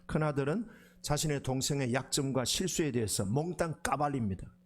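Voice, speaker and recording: A male pastor, preaching a sermon in a lively, conversational way and often asking the congregation questions. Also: mid-range voice, a little fast.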